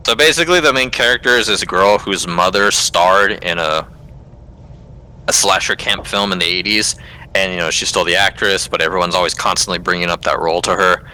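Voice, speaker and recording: A man's voice: sits low, sharp tone, slight background noise, rough recording. A man co-hosting a casual podcast, retelling a movie plot in a rambling, filler-heavy way. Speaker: podcast co-host. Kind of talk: casual movie recap chat.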